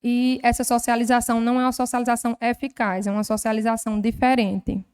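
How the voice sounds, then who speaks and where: A health professional with a Northeastern Brazilian accent lectures at a formal session in a slightly high, smooth voice. She explains step by step and piles up everyday examples. Her tone is gently didactic. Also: level tone, fast. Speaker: health professional giving a talk. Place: legislative chamber.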